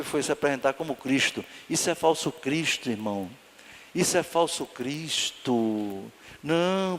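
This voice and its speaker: A man, a pastor giving a Bible study sermon with animated storytelling and rhetorical questions to the congregation. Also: on the high side. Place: church hall. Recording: reverberant church hall.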